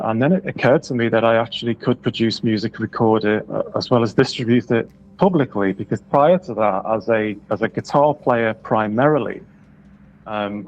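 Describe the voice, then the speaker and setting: A British man from the United Kingdom answering interview questions thoughtfully, with many hesitations, over a remote call. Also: lowish voice. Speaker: guest musician. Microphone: remote call audio. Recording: dull lo-fi online call audio.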